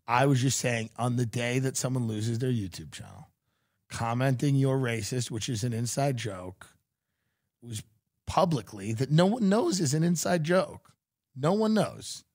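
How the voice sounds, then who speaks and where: A man's voice: mid-range voice, unhurried, darkish tone. A man hosting a podcast, lecturing his producer in casual chat, full of stammered restarts and mocking put-on quotes. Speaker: podcast host.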